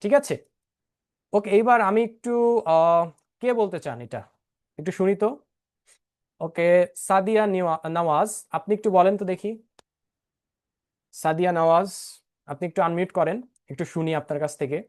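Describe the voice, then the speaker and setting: A man's voice: high voice, normal speed, long pauses, a little mellow. A man teaching a spoken English lesson online, mixing English phrases into his talk and often checking that students follow. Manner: mixes English into talk, keeps checking "okay?". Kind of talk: online class lecture. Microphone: online class microphone.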